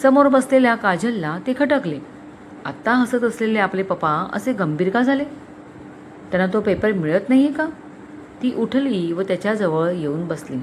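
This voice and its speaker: A woman's voice: mid-range voice, normal speed, slight background noise. Woman narrating a dramatic story. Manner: dramatic, expressive reading.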